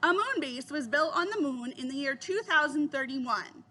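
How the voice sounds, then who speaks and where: A woman's voice: high-pitched, expressive, normal speed, bright, forceful tone. A woman voicing a cautious, bookish young boy in a storybook. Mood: earnest.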